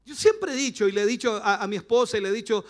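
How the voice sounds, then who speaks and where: A middle-aged man with a Chilean accent, preaching a sermon as pastor, passionate and rising to shouts. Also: high voice, lively intonation, fast.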